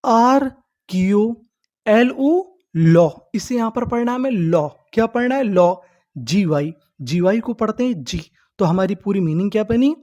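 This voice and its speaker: Teacher drilling words letter by letter. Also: male voice, high voice, expressive, dark tone. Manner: asks questions and answers them himself; sounds words out slowly, letter by letter. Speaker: English reading teacher. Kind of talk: online classroom lesson.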